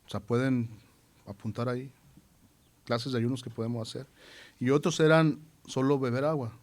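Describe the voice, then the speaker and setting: Earnest male preacher, mid-pitched voice. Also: fairly even intonation, moderate pace. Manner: earnest, repeats phrases for emphasis; reads scripture aloud with rising intensity. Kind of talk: sermon.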